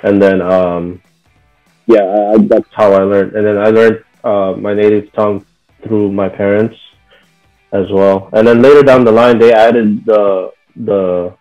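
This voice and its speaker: A young Bahraini man, a guest in an interview, speaks casually and relaxed, sprinkling in plenty of "like" and "you know." His voice sits on the low side and moves a little slowly. The audio is dull, with faint music in the background.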